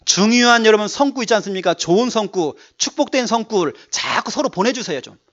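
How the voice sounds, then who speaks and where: A man's voice: high-pitched, lively intonation, quick pace, a bit bright. A male pastor preaching a sermon, emphatic and repeating his key words to urge the congregation on. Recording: dull lo-fi church recording.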